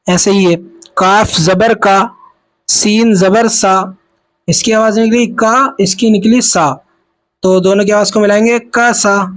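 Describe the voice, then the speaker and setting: A man teaching Quran reading in a patient spoken lesson, spelling out syllables slowly and asking and answering his own questions, with a Pakistani Urdu accent. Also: high voice, poor audio.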